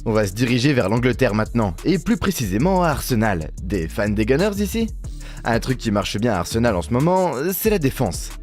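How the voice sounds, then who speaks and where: Lively teasing man narrating over music. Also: mid-range voice, fairly quick. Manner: teasing, mock-indignant, addresses viewers directly. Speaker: video host and narrator. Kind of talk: humorous scripted voice-over commentary.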